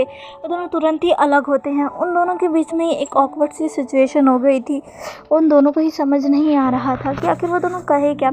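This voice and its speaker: A woman's voice: high-pitched, darkish tone. A woman retelling a fan fiction story as narrator, in plain storytelling tones.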